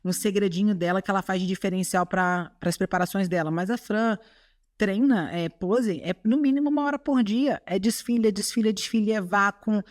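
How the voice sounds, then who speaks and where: A woman's voice: mid-range voice, brisk, dry recording. Brazilian-accented woman, earnest podcast guest, keeps tagging "sabe?", dry close sound. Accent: Brazilian Portuguese. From Chile. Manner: earnest, tags remarks with "sabe?". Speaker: guest, bodybuilding athlete. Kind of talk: podcast interview, casual chat.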